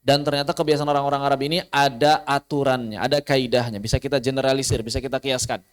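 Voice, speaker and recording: A man with an Indonesian accent teaching an online recitation class, asking and answering his own questions and slowing down to spell out Arabic words. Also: mid-range voice, little pitch movement, clean tone.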